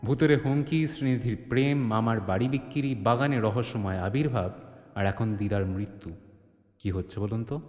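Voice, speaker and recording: With a mid-range, darkish voice at a moderate pace, this man tells an audio drama in a suspenseful, theatrical style. Music runs in the background, and the recording is echoey with a long reverb.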